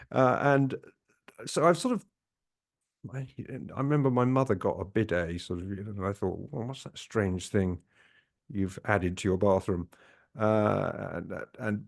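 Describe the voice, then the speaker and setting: A man's voice: medium pitch, darkish tone. Rambling man, hesitant monologue. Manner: hesitant, rambling, with many fillers and restarts. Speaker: podcast host. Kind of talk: casual monologue.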